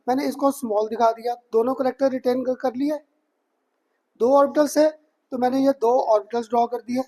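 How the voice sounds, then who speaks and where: A man's voice: very high voice, warm tone. A male chemistry teacher giving a chatty classroom lecture, mixing English terms into his speech and often checking whether students have understood. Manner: chatty, keeps asking students if it is clear; mixes English technical terms into Hindi.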